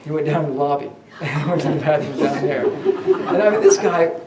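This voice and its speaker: A man with a somewhat high, expressive voice tells ghost-tour stories at a moderate pace in a hotel hallway, wandering off track with fillers and restarts. He's far from the mic, the hallway echoes, and a loud crowd can be heard.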